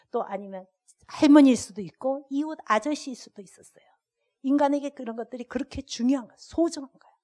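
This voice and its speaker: High-pitched older woman, sermon, animated storytelling, acts out voices. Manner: animated storyteller acting out dialogue. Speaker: guest lecturer.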